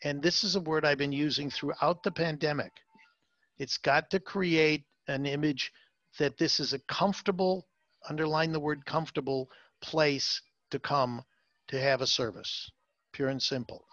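Guy giving salon marketing tips, kinda high voice, dry muffled sound, punches his key words. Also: steady tone, moderate pace, fairly bright tone, no echo. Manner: emphatic, repeats key words, many fillers. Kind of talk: interview, advice talk.

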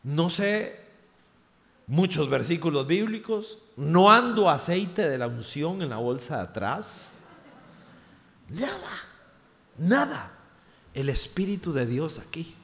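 Costa Rican male preacher, lively storyteller with a high, swooping voice. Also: slow, creaky, long pauses. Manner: animated, humorous anecdote-telling. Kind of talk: storytelling sermon. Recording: reverberant hall.

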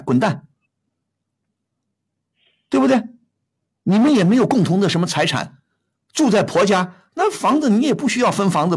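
A man's voice: sits high, slightly rough. A middle-aged man hosting a call-in advice show, bluntly scolding a caller with rhetorical questions. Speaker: radio advice host.

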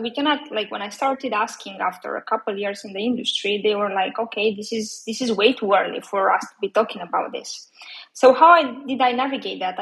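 A Romanian woman in her thirties talks casually and chattily as an interview guest, with many fillers and restarts. Her voice is on the high side and a bit bright, and the recording quality is low.

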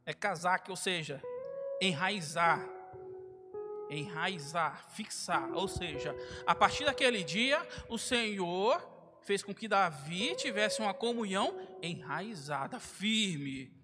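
Speaking slowly with a high voice and lively intonation, a young man preaches a casual, familiar sermon in a church hall, acting out his stories' dialogue and calling listeners "cara" and "irmão." Loud guitar music plays behind him amid long hall reverb.

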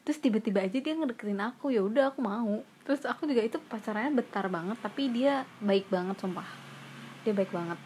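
A woman's voice: medium pitch, fast talker, a little hiss or hum. A young woman in her twenties telling her stories in a casual podcast chat, laughing often and mocking herself. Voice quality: husky, laughs often, animated storytelling. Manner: lively, self-mocking, slangy.

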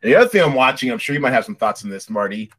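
American guy hosting a casual review chat, medium pitch, lots of little asides. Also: big pitch swings, racing, a bit bright. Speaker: show host.

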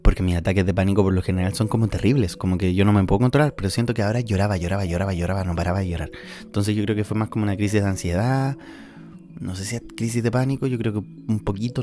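Candid young Chilean man, mellow voice. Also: on the low side, fast, soft background music. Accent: Chilean Spanish. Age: 20s. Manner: candid, emotional, swings between laughing and tearful. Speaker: podcast host. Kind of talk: casual confessional monologue.

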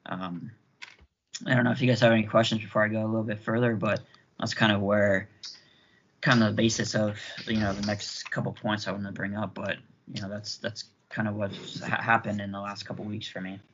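A young man in casual podcast chat, talking in a hesitant, halting way with many restarts over a remote call. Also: fairly low pitch, little pitch movement, noisy background. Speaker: podcast co-host. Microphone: remote call mic. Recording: dull lo-fi call audio.

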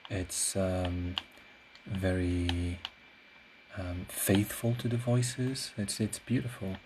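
A deep-voiced man speaks slowly, a native Portuguese speaker who hosts a podcast and sings classical music. He rambles casually on his own, hesitant and reflective as he hunts for words. The recording is clear, with steady background noise.

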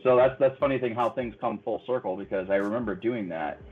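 A man's voice: lowish voice, fairly quick, phone-quality sound, slight background noise. A man in his thirties, a guest on a podcast, telling stories in a friendly way and laughing often. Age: 30s. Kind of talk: casual interview chat.

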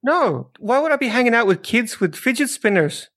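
A man co-hosting a casual gaming podcast, chatting with a dry, deadpan humor. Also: very high voice, moderate pace. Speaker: podcast co-host. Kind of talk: casual chat.

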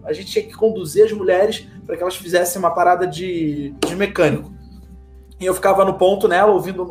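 A man's voice: sits high, reverberant. Man, storyteller type, acts out quotes, faint background music. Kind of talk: animated anecdote telling.

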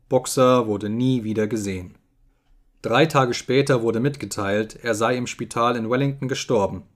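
A man reading an audiobook in a calm, measured voice. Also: mid-range voice. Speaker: audiobook reader. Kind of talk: scripted audiobook narration.

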